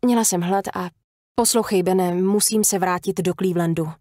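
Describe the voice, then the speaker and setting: A woman's voice: fairly low pitch, fairly even intonation, darkish tone, no room sound, natural voice. A young woman holding back grief, voiced by a woman reading an audiobook. Her replies come clipped and strained. The sound is close and dry.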